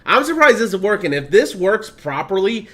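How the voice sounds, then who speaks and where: High-pitched and sing-song, with a pushed, bright sound at normal speed, this thirty-something man chats casually over his gameplay stream. He reads the on-screen text out loud and laughs a lot, speaking with a mix of Midwestern, Southern and Californian accents.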